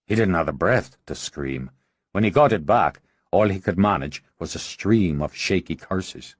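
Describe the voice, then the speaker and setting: A man narrating an audiobook in a dramatic, expressive way. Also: low-pitched, a little slow, no room sound, clean studio sound.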